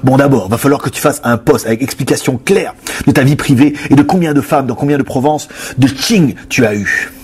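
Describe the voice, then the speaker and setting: A man putting on a gruff, deep tough-guy voice. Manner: deep put-on "big voice", slow and heavy.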